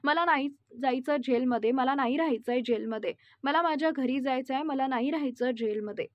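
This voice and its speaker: A woman's voice: sits high, a little fast, no echo, muffled recording, close to an everyday voice. A woman reading for a scared young woman pleading. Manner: pleading, repeating herself. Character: frightened young woman begging not to be beaten.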